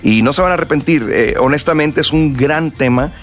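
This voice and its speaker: A man's voice: fairly high pitch, fairly quick, faint music behind. A man with a Mexican accent, a singer from the north of the country and South Texas, chatting as a guest in a casual interview, loose and slangy, hungover and tired. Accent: Mexican Spanish. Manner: relaxed, slangy, rambling with many restarts.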